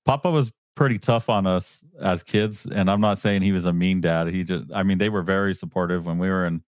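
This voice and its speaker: A man's voice: low-pitched, brisk, no room sound, clean studio sound. A man hosting a podcast, chatting about his family in an easygoing, chuckling way. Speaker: podcast host. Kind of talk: casual chat.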